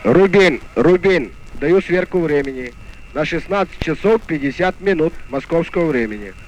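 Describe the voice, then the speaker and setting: A man's voice: fairly high pitch, animated, moderate pace. A man working as a ground radio operator, calling out a formal time check over a two-way radio on an old archival recording. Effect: heard over a two-way radio. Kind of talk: radio call procedure. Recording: muffled, very noisy archival radio link.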